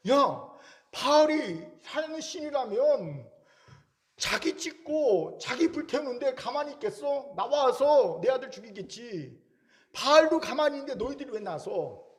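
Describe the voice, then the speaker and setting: A high, scornful older father , as a preacher puts him on, defending his son with threats. He sneers at his opponents and dares them to act. The voice stays raised and forceful. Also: sing-song, normal speed, in a large hall. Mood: mocking.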